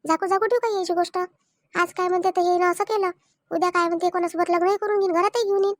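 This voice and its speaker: A woman's voice: extremely high pitch, steady tone, fast, dry recording, clean studio sound. A woman voicing a tearful, stubborn young wife in a cartoon family drama, speaking with an insistent, complaining manner. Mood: aggrieved.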